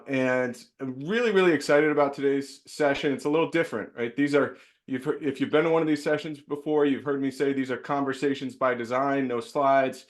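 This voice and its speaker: Chatty man hosting a webinar. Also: mid-range voice. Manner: chatty, many fillers and restarts. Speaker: host.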